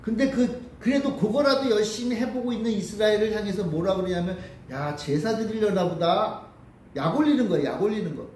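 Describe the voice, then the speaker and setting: A man's voice: high voice, fast talker, hardly any pauses, darkish tone, heavy reverb, distant mic, slight background noise, poor audio. A male pastor preaching a sermon in a church, asking rhetorical questions and repeating key phrases. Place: church sanctuary.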